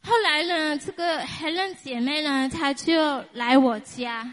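A woman with a high voice tells her personal faith testimony. She speaks in halting bursts, with fillers and small nervous laughs, and repeats words for emphasis. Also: fairly bright tone. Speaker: church member giving a testimony.

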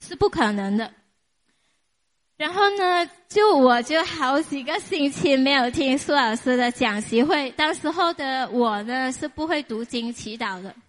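High-voiced woman giving an emotional testimony. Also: a bit bright. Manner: emotional, halting, with fillers and nervous laughs; repeats words for emphasis. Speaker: church member giving a testimony. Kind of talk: personal faith testimony.

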